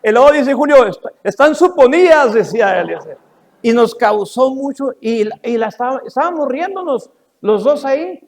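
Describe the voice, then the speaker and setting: An older man, preaching a sermon and telling stories, moving from loud to soft. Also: very high voice, normal speed, vocal fry. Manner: animated storytelling, swings from loud to soft. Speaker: pastor. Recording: long reverb of a church hall.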